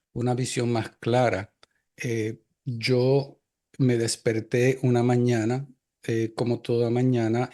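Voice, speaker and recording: Older man, mellow reflective voice. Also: medium pitch. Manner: reflective, hesitant, many filler pauses. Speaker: interview guest. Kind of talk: recounting personal experiences in an interview.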